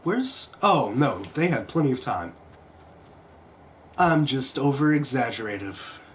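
A young man streams a video game from a room at home, talking into a headset with a medium-pitched, sing-song voice at an unhurried pace. His commentary is casual and laid-back, full of self-deprecating jokes and swearing. The home stream recording is clearly noisy.

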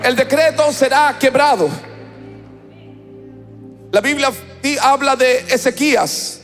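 A high-voiced male preacher delivers an emphatic, chanting sermon in church. He acts out his story with vivid emphasis. Soft music plays faintly behind him. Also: slow, long reverb tail. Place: church service.

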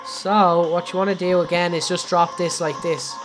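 A young Irishman chats casually on a game live stream as he walks viewers through a building tutorial, laughing often and addressing his audience directly. His voice is high-pitched with little pitch movement and a normal speed, and faint music plays in the background.

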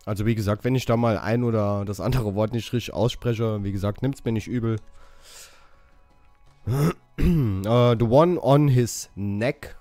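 A man talks his way through a game walkthrough at an unhurried pace, stumbling over English lines and fixing them. His voice sounds close and dry, with soft music underneath. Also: fairly low pitch, dry recording. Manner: reads English dialogue options haltingly, correcting himself. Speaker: gaming channel host. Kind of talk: casual game walkthrough commentary.

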